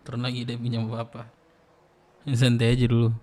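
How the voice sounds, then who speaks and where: A man's voice: mid-range voice, monotone, a little fast, darkish tone, a little hiss or hum. A young man streaming a game roleplay, chatting casually in slang and laughing often.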